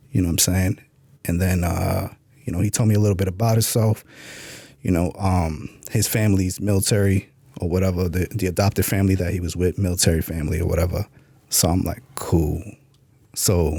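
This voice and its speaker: A man's voice: low-pitched, warm tone, husky, no room sound, studio quality. A man from New York, a podcast guest telling his life story in a blunt, streetwise way, swearing freely. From New York, USA. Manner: acts out past dialogue in a raised voice. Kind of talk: candid interview storytelling.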